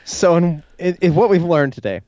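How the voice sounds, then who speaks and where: Guy doing casual podcast chat, kinda halting, repeats himself, dry slightly dull audio. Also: on the high side, expressive, mellow, no echo. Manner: halting, repeats words as he goes. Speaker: podcast host. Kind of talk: casual banter between co-hosts.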